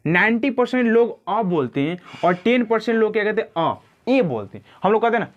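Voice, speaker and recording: Repetitive grammar teacher. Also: male voice, high-pitched, very animated, muffled recording. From India. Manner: repetitive, drills words slowly, addresses viewers as friends. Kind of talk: classroom-style lesson.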